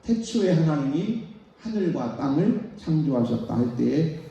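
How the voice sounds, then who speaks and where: Pastor teaching in an echoey sanctuary. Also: male voice, on the high side, very animated, creaky, mellow, highs cut off, slight background noise. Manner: lecturing, reading out lists slowly and emphatically. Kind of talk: Bible teaching sermon. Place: church sanctuary. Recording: very echoey hall, voice from a distance.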